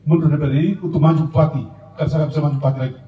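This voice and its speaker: A middle-aged man with an Eastern Indonesian Sumba accent gives a halting, emotional personal account as a husband, full of repetitions and murmured fillers. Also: a little high, fairly even intonation, dull audio. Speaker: husband giving a public clarification. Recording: distant, echoey room with faint noise.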